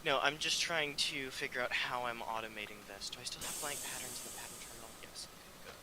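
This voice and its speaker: A man on a stream call, mumbling quietly to himself while he plays. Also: mid-range voice, fast talker. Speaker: stream guest. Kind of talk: muttering to himself while playing. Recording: loud background noise.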